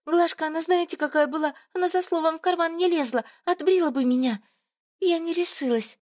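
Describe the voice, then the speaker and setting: A woman voicing a frightened young female student who squeaks, sobs and answers back stubbornly in an audiobook. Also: fairly quick, a little mellow. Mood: tearful. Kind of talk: audiobook reading.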